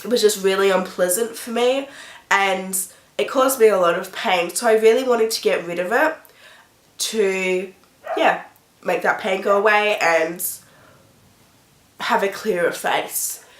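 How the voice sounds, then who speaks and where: Still congested and mouth-breathing from being sick, the beauty vlogger speaks in a mid-range voice, a bit slowly and with long pauses. She chats casually to camera about what she's been through, in a room with an echoey sound.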